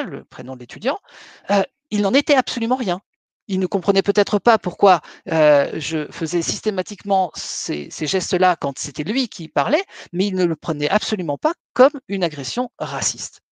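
A middle-aged man giving a webinar lecture, measured and hesitant, with frequent fillers between phrases. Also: high voice, dry recording.

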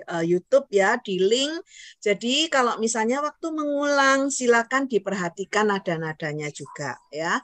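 With a high-leaning, fairly bright voice and no room sound, a woman runs an online Hakka lesson. She patiently demonstrates tone syllables for students to echo back and keeps confirming they follow with "ya".

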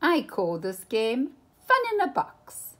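A woman's voice: on the high side, big pitch swings, slow, pitched above the performer's own voice, exaggerated voice. Woman voicing the showy, swooping Cat in the Hat. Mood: insistent, gleeful. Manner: sing-song, showy, emphatic. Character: playful, boastful, showy male trickster cat.

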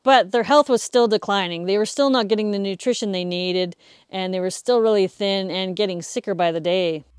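A woman's voice: mid-range voice, a little fast, smooth, dry recording. Middle-aged woman telling a story casually. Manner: casual and lively, with laughs. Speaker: host. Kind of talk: storytelling to camera. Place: indoors in front of a stacked woodpile. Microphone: lapel mic.

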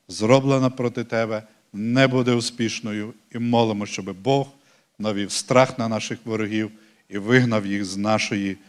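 A male pastor delivering a sermon in an earnest, conversational way. He stretches important words slowly and often raises his voice for emphasis. His voice sits at an ordinary middle pitch for a man.

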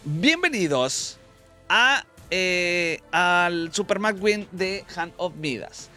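A man with a Mexican accent giving excitable, slangy commentary on slot machine spins as the channel host. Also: high voice, drawn-out words, soft background music. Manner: excitable, slangy, exclaims at wins. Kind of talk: casual gambling commentary.

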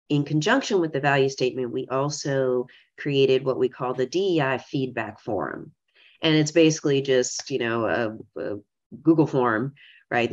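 A woman's voice: rumbling low, muffled recording. A woman executive giving a conference presentation remotely, speaking conversationally and often adding "right?" to her points. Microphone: remote video call audio.

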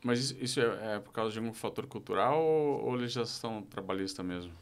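A man's voice: lowish voice, quick pace. A man hosting a podcast, asking probing questions and offering short affirmations. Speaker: podcast host. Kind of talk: interview questions.

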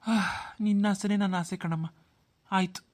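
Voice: mid-range voice, fairly even intonation, a little slow, dry recording, close to an everyday voice. A voice actor playing a generous, reassuring young village man in a cartoon. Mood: kindly. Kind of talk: Kannada cartoon dialogue.

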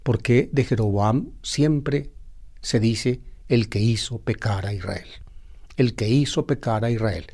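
A priest giving a sermon, reading a Bible passage aloud and then explaining it to his listeners, with pauses and hesitant fillers. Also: medium pitch, creaky, a little mellow. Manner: addresses listeners directly.

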